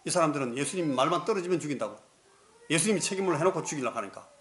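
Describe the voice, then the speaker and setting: Lively storytelling male pastor. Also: fairly high pitch, racing. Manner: vivid storytelling, lively, acts out scenes. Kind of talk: sermon.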